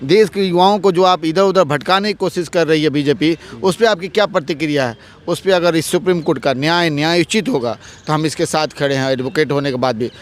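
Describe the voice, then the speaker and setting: Forceful man in a heated interview. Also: a little high. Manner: forceful, repetitive, rhetorical questions. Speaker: advocate interviewee.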